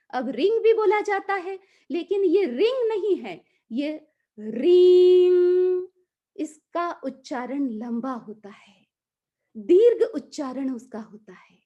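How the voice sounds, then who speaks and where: A woman giving a calm, slow mantra lesson, drawing out the chanted syllables. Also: extremely high pitch, muffled recording. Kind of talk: guided mantra pronunciation lesson.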